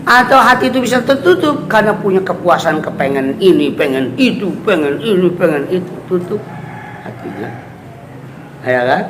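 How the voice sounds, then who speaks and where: This male teacher's high voice swings widely in pitch as he moves at a normal speed through an informal kitab study for students. Chatty and frequently tossing in "ya kan?" (meaning "right?"), he laughs as he performs the voices he quotes. Faint ambient noise sits in the echoey room.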